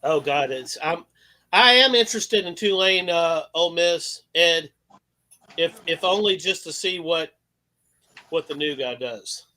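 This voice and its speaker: A man's voice: a little high, lively intonation, measured pace, sharp tone, low-quality recording. A man in his fifties hosting a casual sports talk show, rambling, opinionated and full of profanity. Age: 50s. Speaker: host.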